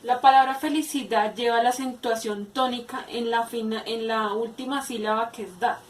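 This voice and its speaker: Woman teacher, fairly high voice, hesitant step-by-step explaining, roomy echo, off-mic. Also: fairly even intonation. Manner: explains slowly with many hesitations and repeats. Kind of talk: spoken grammar lesson. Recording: echoey room, far from mic.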